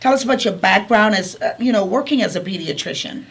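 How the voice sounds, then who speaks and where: A woman's voice: medium pitch, fast, a bit bright. Woman hosting an interview. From Bahamas. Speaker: interview host. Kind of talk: hosted interview.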